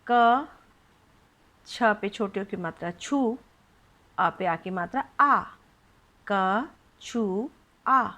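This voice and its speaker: A woman's voice: mid-range voice, lively intonation, slow, long pauses, sharp tone. A woman teaching young children to read, spelling words out syllable by syllable with patient questions. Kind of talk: children's phonics lesson.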